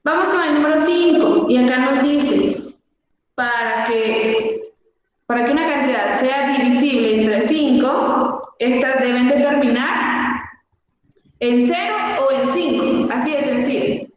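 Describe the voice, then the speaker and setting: A woman teaching a math lesson online, speaking slowly and patiently and counting out examples step by step, heard through a low-quality video call stream. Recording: dull, echoey, noisy video call audio.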